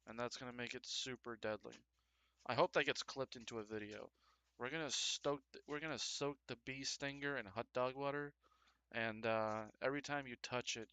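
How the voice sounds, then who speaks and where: A man's voice: medium pitch, fairly even intonation, normal speed, bright, forceful tone, clear, resonant tone, no echo. A man live-streaming as he sculpts, chatting casually and trading crude jokes with his viewers while he works. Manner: joking, crude banter with chat; talks while working.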